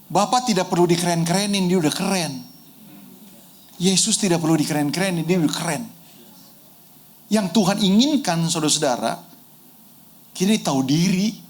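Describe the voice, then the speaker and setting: A middle-aged man preaches to his congregation. His voice sits high for a man, and he tells the story with animated swings, breaking into shouts and easy street slang. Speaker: pastor. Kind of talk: sermon.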